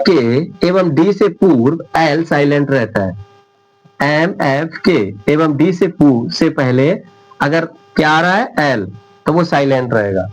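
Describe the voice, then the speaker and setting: A man teaching English spelling rules at a whiteboard, repeating each example word slowly and often checking whether his viewers understand. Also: a little high, rough recording. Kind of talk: whiteboard classroom lesson.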